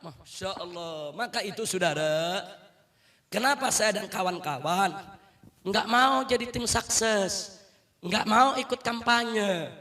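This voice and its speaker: A middle-aged Islamic preacher with a very high, piercing, bright voice delivers a fiery, forceful sermon to a large gathering at a slow pace. He rouses the crowd, repeats "saudara" again and again as he calls to the brothers, and calls for takbir and answering chants.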